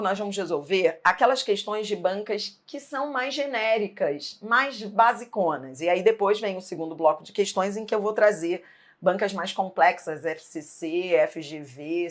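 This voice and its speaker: A woman teaching an exam-prep grammar lesson, emphatic, asking rhetorical questions and checking in often. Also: on the low side.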